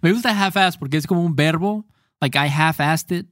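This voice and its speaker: A man's voice: on the high side, moderate pace, a bit bright, dry recording, clean studio sound. A man co-hosting a casual podcast on slang, laughing often and slipping English phrases into his talk. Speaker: podcast co-host teaching Mexican slang. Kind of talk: casual bilingual podcast chat.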